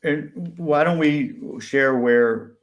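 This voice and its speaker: A man hosting a casual video call chat, relaxed, thinking aloud mid-sentence. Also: on the high side, slow.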